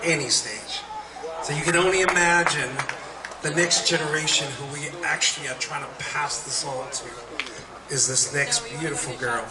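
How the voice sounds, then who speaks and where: A middle-aged man chatting from a concert stage between songs, rambling and heartfelt and often laughing. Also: fairly high pitch. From New Zealand. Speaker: slack key guitarist performing at a festival. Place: concert stage at an arts center. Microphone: stage microphone. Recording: roomy live concert recording from a distance. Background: loud crowd and hall noise.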